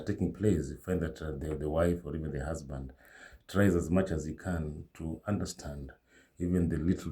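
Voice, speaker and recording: A man giving a reflective monologue, speaking slowly and haltingly with many fillers. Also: a bass voice, mellow. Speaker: commentator.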